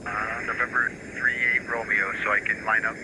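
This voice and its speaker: A man's voice: on the low side, little pitch movement, moderate pace, noisy background. A man speaking as a pilot over an aircraft radio, giving clipped readbacks in terse radio phraseology with an occasional hesitant filler. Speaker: pilot on a flight sim network.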